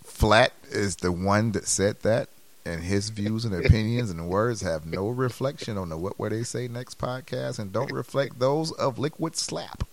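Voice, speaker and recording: A man co-hosting a casual podcast, throwing out animated rhetorical questions. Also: lowish voice, a little slow. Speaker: podcast co-host.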